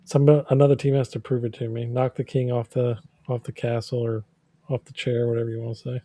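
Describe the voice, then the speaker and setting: A man in casual betting chat, calmly laying out the context behind his pick. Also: medium pitch, fairly quick, dry recording. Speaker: co-host.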